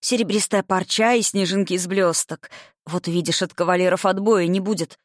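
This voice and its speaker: A fussy middle-aged governess, put on by an audiobook reader, all emphatic, theatrical dismay. Her pitch sits mid-range, and the recording is dry and close. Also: steady tone, brisk, no echo, natural voice. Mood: fretful. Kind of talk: audiobook reading.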